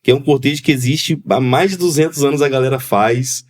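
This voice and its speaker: A man from Espírito Santo with a Capixaba Brazilian accent, a podcast guest talking in a reflective, halting way with many restarts. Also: mid-range voice. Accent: Capixaba Brazilian Portuguese. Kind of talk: casual conversation.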